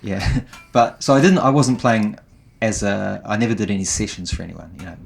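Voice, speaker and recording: Talking at normal speed with a fairly low, slightly rough voice and vocal fry, a middle-aged New Zealander appears as a guest guitarist in a casual interview. He's relaxed and self-deprecating, laughs easily, and keeps restarting his sentences.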